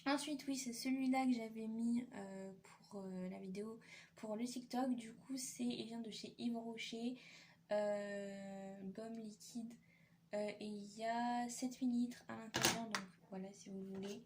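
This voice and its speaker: A woman's voice: on the high side, steady tone, measured pace, a little mellow, a little hiss or hum. A young woman chatting casually in a makeup vlog, tired and hesitant, with many fillers. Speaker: beauty vlogger.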